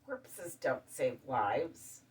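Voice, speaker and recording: Low-voiced, slow-talking woman host. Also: distant mic. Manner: calm, listing things one by one. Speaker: show host. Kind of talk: casual spoken monologue. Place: studio.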